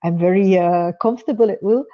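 A middle-aged woman hosting an interview on a video call, speaking hesitantly with many pauses and restarts. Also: medium pitch. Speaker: interview host. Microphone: earbud headset on a video call. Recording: dull lo-fi video call audio.

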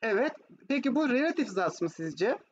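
A woman's voice: fairly high pitch, big pitch swings, normal speed, over a noisy crowd. A woman with a Turkish accent teaching German online, switching between Turkish and German as she explains and asks checking questions. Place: online video class with screen share. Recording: muffled, noisy online call audio.

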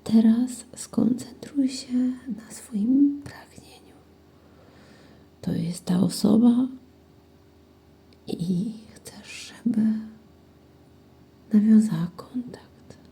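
A woman guiding a breathing meditation in slow, soothing whispered instructions. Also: a little high, creaky, warm tone, breathy edge. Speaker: meditation guide.

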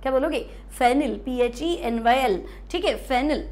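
An Indian woman with a high voice and a darkish tone teaches chemistry at the board. She goes through each step slowly, repeats the key terms, and poses questions to the class that she answers herself.

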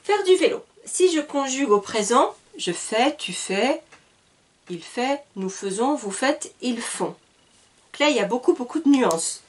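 A woman's voice: sits high, expressive, measured pace. A woman teaching a French grammar lesson at a whiteboard. She spells out word endings letter by letter and corrects herself patiently as she goes. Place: classroom at a whiteboard. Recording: voice a little far from the mic.

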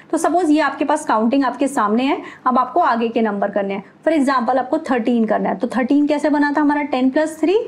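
A woman with a high, light voice, teaching a beginner language lesson. She keeps posing questions to the learner and answering them herself, slipping English words into her explanations. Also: darkish tone. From India.

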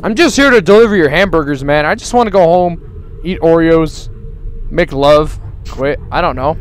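A man's voice: on the high side, moderate pace, smooth. A young man streaming a horror game, reacting in a scared, joking way, jumpy, pleading and rambling crudely. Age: young adult. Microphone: headset. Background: loud game music.

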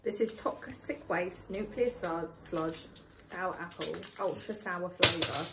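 A young woman with a British accent chats informally to camera in a living room. Her voice sits fairly low for a woman, and clear background noise runs under the recording. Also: takes it slowly. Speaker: co-host of a family candy taste challenge. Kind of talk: casual chat. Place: lived-in living room, indoors.

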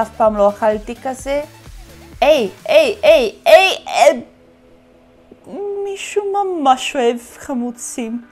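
Woman, high-pitched voice, casual reaction commentary, frequent laughter and exclamations, soft background music. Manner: laughs often, exclaims and talks back at the clips. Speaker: host reacting to funny clips.

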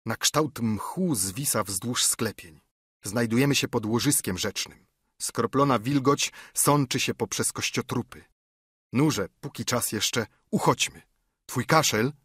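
Scheming vengeful nobleman, voiced by a man, husky and pointed, audiobook dialogue. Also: medium pitch, measured pace, a bit bright, no echo, clean studio sound. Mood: sly.

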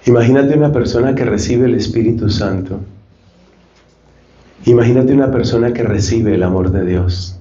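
A male preacher giving a sermon, telling stories lively and acting out short dialogues. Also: mid-range voice, moderate pace. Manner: lively storytelling, acts out dialogues. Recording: roomy, slightly dull recording.

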